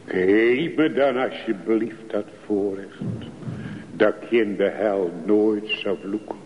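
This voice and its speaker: A man preaching a sermon in a slow, pleading way that rises to fervent calls. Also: fairly low pitch, slight background noise. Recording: dull, echoey church recording.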